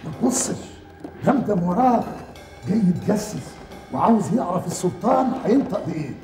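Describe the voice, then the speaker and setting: A man's voice: high-pitched, lively intonation, a little fast, mellow, soft background music. An actor playing a sly, watchful male jinn servant in a TV fairy-tale drama. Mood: conspiratorial. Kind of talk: TV drama acting.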